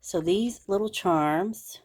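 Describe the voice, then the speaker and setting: Gushing over her supplies in a casual show-and-tell, the middle-aged host of a craft channel chats with plenty of fillers. A cold leaves her voice a little scratchy, and it's mid-range, a little mellow and breathy-edged, with a slow pace.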